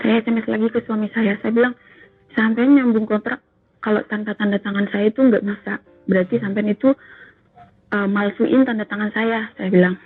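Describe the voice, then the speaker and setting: A woman's voice: mid-range voice, steady tone, a little fast, slightly rough, no room sound, soft background music. A woman calls in and earnestly tells a personal story, addressing the host as "Kak" again and again. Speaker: caller sharing a personal story. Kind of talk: emotional phone storytelling. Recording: tinny phone line.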